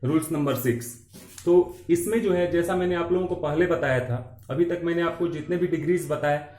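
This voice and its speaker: A man teaching an English grammar lesson in Hindi, explaining slowly and repeating key terms. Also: on the high side, a little mellow. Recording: echoey room.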